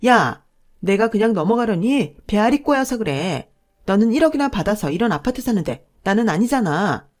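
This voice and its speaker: A woman voicing a pushy, greedy middle-aged sister-in-law who scolds and bosses loudly. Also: medium pitch, sing-song, moderate pace. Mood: furious. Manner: bossy, scolding, loud in anger.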